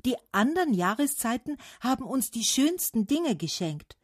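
A chorus of excitable trees, put on by a woman, calls out in a raised, bright voice that swings up and down. They sound eager and a little demanding, like a storybook crowd clamoring for gifts. The recording is dry and close. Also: on the high side, normal speed, no echo, pitched above the performer's own voice. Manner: excited, calling out.

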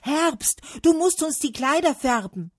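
A chorus of excitable trees, put on by a woman, calls out in a raised, bright voice that swings up and down. They sound eager and a little demanding, like a storybook crowd clamoring for gifts. The recording is dry and close. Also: fairly high pitch, normal speed, dry recording, pitched above the performer's own voice. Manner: excited, calling out.

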